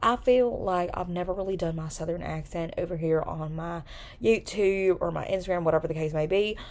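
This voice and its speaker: Talking casually to camera, this young vlogger and podcast host from New York is chatty and animated, cracking jokes and cursing. Her voice sits fairly low and moves a little fast.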